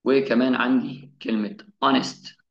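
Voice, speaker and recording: An Egyptian man with an Egyptian Arabic accent teaches English grammar in a classroom-style lesson, his medium-pitched voice steady and creaky. He asks questions and answers them himself, slowing down to spell out English examples. The room is echoey and the sound slightly dull.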